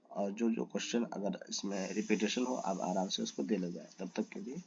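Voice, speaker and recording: A man's voice: fairly low pitch, gravelly, a little mellow, lo-fi sound. A man teaching a lesson. He reads exam questions and their options aloud, asks for the right answer and then gives it.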